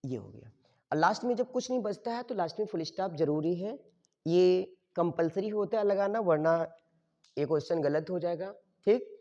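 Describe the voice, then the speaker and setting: A man's voice: high-pitched, lively intonation, normal speed, darkish tone. A male teacher explaining grammar to his class, asking questions and answering them himself, often checking in with "okay?". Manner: checks in with "okay?" after each step. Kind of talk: grammar lesson. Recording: dull muffled sound with long reverb.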